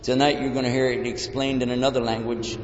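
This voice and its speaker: A fast-talking Texan man with a medium-pitched, flat delivery lectures to a live audience in a large hall, joking in a folksy style. The recording is echoey, dull, and lo-fi.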